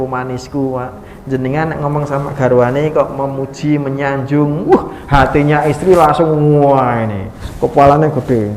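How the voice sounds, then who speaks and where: A man preaching with a Javanese accent in an informal study talk, lively and joking, swinging between loud emphasis and soft asides. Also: on the high side. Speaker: Islamic preacher. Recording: echoey hall with faint noise.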